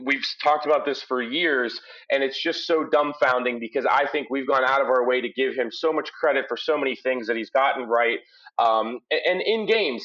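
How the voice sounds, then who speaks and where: A man's voice: medium pitch, a bit bright, dull audio. A man hosting a conversational sports recap podcast in emphatic, folksy phrasing, recorded through headphones used as a mic. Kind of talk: conversational post-game recap. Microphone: headphones used as microphone.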